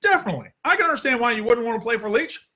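A man's voice: very high voice, expressive, rapid-fire, pushed and bright. A man hosting a sports podcast, ranting in a heated, sarcastic way and swearing freely. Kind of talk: opinionated sports rant.

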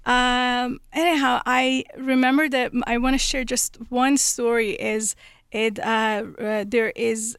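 Creaky-voiced young woman from Iran. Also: a little high, steady tone, unhurried, fairly bright tone, no echo, clean studio sound. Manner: earnest, storytelling, many fillers. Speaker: guest, children's book author. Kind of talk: conversational interview.

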